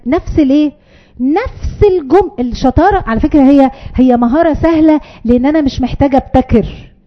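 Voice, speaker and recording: A woman's voice: high voice, dull audio. A woman with an Egyptian accent giving a parenting talk to an audience, emphatic, repeating key phrases and acting out short parent and child exchanges. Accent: Egyptian Arabic. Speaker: parenting educator.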